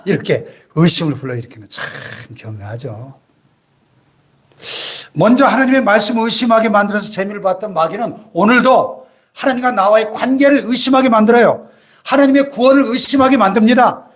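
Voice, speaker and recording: Here, a man of about sixty whose voice sits high is preaching in church as senior pastor. He keeps challenging the congregation with rhetorical questions.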